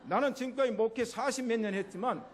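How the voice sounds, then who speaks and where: An older male pastor delivers a sermon with a notably high-pitched voice. He preaches with animation, telling stories and slipping into the voices of the people in them. The talk moves between plain explanation and spirited exhortation. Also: quick pace. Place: church.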